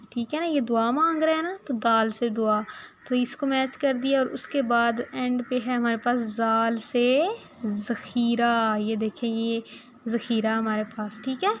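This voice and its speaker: A woman, teaching a playgroup class in a recorded lesson, speaking slowly and coaxingly, repeating words and asking little questions. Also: fairly high pitch. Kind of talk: recorded online class for small children.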